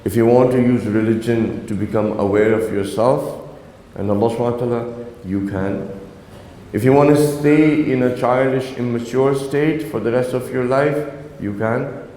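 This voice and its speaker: In an echoey hall, a man with a warm, mid-range voice talks at a moderate pace over a little hiss or hum. A first-language Urdu speaker, this religious lecturer earnestly exhorts young people and keeps checking in by asking "right?".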